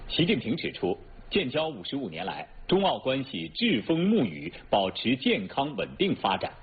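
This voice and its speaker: A man reading scripted news as an anchor in standard mainland Mandarin, formal, measured and precise. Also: mid-range voice, wildly swooping pitch, slightly rough. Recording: tinny narrowband broadcast with faint noise.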